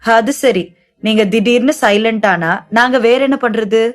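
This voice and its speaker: Brief: woman voicing a loud, teasing girlfriend, playful, audiobook dialogue. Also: fairly high pitch, unhurried, close to an everyday voice. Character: teasing young best friend, lively and loud.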